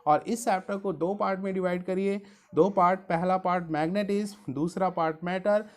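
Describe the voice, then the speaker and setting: A woman physics teacher with a lowish, slightly mellow voice gives an exam study-guide lesson at a normal speed and fairly even intonation. She explains how to study a chapter, mixes in English science terms, addresses her listeners as dear students, and keeps stressing which topics are important.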